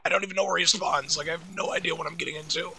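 Hoarse, gravelly high-voiced male gamer. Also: steady tone, racing, pushed and bright, slight background noise. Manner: chatty, self-deprecating, easily puzzled. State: hoarse, raspy voice. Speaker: gaming video creator. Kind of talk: casual gameplay commentary.

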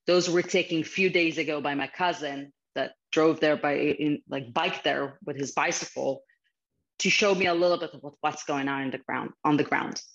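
Ukrainian lady on a zoom call, earnest and heartfelt, a bit dull lo-fi audio. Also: sits low. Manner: earnest, heartfelt, slightly non-native phrasing. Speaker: guest speaker. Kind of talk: personal talk over video call. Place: small office indoors. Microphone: video call webcam. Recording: slightly muffled video call audio.

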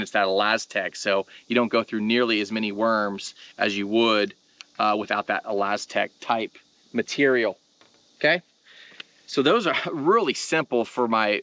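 In a lowish, sharp-toned voice, a man fronting a fishing tutorial channel walks viewers through gear and technique in a relaxed, conversational demonstration, addressing them directly.

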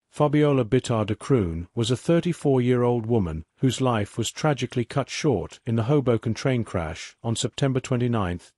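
Male narrator, even documentary read, mid voice, dead-dry booth sound. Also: mid-range voice, slightly rough, dry recording. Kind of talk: scripted narration.

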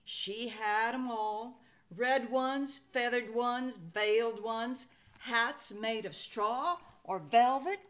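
In an indoor room at home, an American woman in her sixties with a fairly high voice reads a children's picture book aloud. She tells it expressively in a folksy Western storytelling style.

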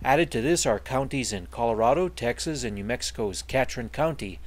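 A man's voice: medium pitch, normal speed. A man reading scripted narration evenly, with no fillers. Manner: smooth, even read-aloud delivery without fillers.

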